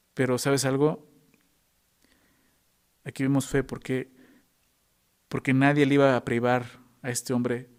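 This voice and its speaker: A man's voice: mid-range voice, darkish tone. A male pastor preaching a sermon, emphatic and full of rhetorical questions to the congregation.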